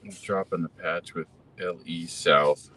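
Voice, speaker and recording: A man's voice: sits low, steady tone, measured pace. A man hosting a live stream, chatting in a rambling, laid-back way while driving around in a car. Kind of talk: casual chat while driving. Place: inside a moving car. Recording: distant mic, loud road noise.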